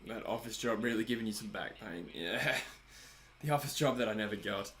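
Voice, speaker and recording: Australian male streamer, 20s, chatty self-deprecating host, bright tone. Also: fairly low pitch, normal speed. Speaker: livestream host reading chat. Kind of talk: casual live chat over a cricket match.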